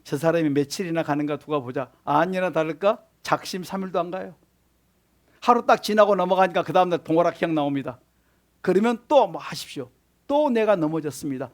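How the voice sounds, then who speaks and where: A man's voice: fairly high pitch, a little fast. A male pastor preaching a sermon in church, often putting questions to the congregation and answering them. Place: church sanctuary.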